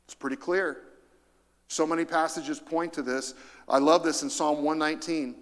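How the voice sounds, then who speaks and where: A man preaching in a church sanctuary, his voice sitting a bit high for a man. He presses his points through emphatic repetition and calls on the congregation to read along. A long reverb trails behind every phrase. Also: fairly even intonation, normal speed. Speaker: pastor. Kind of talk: sermon.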